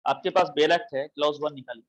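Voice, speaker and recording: A man's voice: fairly high pitch, fairly even intonation, quick pace, poor audio. A man teaching law to a class, explaining step by step and asking and answering his own questions. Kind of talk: classroom lecture.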